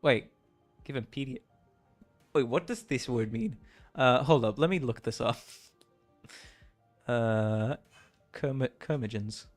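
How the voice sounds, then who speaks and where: A man's voice: medium pitch, takes it slowly, long pauses, dry recording, soft background music. A man livestreaming a game, chatting casually and reading the dialogue aloud, laughing often and tripping over words.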